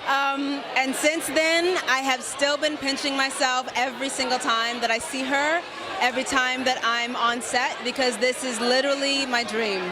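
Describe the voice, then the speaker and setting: Gushing high-voiced woman at a noisy event. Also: fairly even intonation, normal speed, over a noisy crowd. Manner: gushing, emphatic. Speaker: actress. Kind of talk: event interview, personal anecdote. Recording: noisy crowded event, loud ambience.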